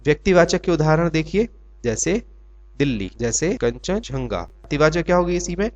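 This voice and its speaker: A man's voice: on the high side, sing-song, normal speed. A man teaching an exam quiz lesson who asks questions and answers them himself, drawing out his example words. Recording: dull lo-fi recording.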